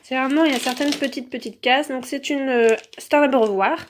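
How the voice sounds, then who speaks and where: A woman's voice: high voice, fairly quick, slight background noise. A woman casually reviewing toys as she unboxes them, filled with "donc" and "euh", recorded on a phone held in one hand. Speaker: toy reviewer.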